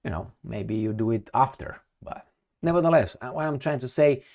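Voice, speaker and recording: Speaking at a moderate pace with lively intonation, this middle-aged man from Romania delivers a political rant in his Romanian accent. His medium-pitched, darkish voice carries sarcasm, profanity, and one rhetorical question after another.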